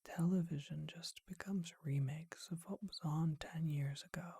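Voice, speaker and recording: A breathy, mellow voice of medium pitch and steady tone plays a bookish, charming vampire of great age, speaking slowly, elegantly and thoughtfully in whispered ASMR roleplay. There's no room sound, and the feel is intimate and reflective.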